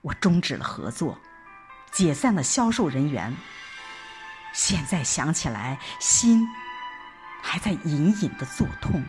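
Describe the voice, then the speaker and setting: Over background music, a woman reads a scripted first-person audio drama narration, expressive and reflective in her storytelling. Her voice is low-pitched and slow, with long pauses.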